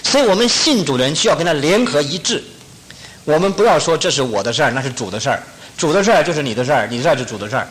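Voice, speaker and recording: A man's voice: a little high, rapid-fire, rough recording. A man preaching a sermon, repeating phrases for emphasis and telling stories with animation. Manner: animated storyteller. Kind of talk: sermon with storytelling.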